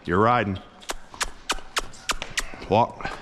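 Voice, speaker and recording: A low-voiced man coaching a rider in a plain, folksy way, with gentle praise for the horse mixed in. His voice rings out with a long, trailing reverb. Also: drawn-out words, noisy background. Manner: folksy, encouraging, coos to the horse. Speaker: horse trainer. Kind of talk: instructional coaching.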